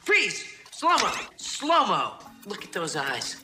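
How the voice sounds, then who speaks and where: An intense film character, obsessed with playing a gritty cop, speaks in hugely varied, animated swings. The clip has prominent music and clatter behind the voice. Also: male voice, sits high, takes it slowly, exaggerated voice. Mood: awestruck. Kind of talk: film acting.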